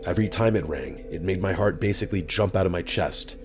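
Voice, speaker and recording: Male horror narrator, very low voice, calm even delivery, scripted storytelling. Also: brisk. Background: faint background music.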